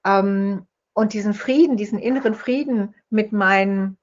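A woman's voice: mid-range voice, normal speed. A woman speaking as an interview guest, telling stories and playing out the lines of the people in them. The recording sounds dull and lo-fi. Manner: storytelling, acts out quoted speech. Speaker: guest, holistic dental health speaker. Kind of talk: conversational interview.

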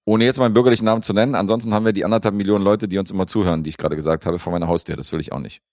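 A man co-hosting a podcast, reviewing a film in a relaxed, rambling way with lots of fillers. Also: fairly low pitch, rapid-fire, no echo, studio quality. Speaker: podcast co-host reviewing films. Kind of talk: casual chat.

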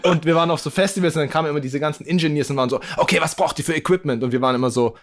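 A man who is a guest rapper, chatting casually in a relaxed, slangy way over low-quality remote stream audio. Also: very fast. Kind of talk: casual podcast chat.

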